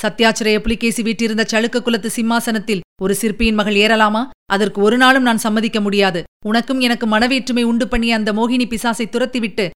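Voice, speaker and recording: A woman's voice: a little high, flat delivery, brisk, hardly any pauses, lightly acted. A woman voicing a proud male emperor in an audiobook, speaking in a stately, formal way. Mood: earnest. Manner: stately, formal, pleading then insistent. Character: proud middle-aged male emperor, commanding. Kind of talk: audiobook character reading.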